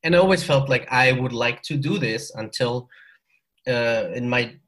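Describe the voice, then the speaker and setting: A German-accented man in his forties, a podcast guest, chats casually in an interview, working through his answers with small restarts. His medium-pitched, fairly bright voice moves at a normal speed, recorded in a hot room at home.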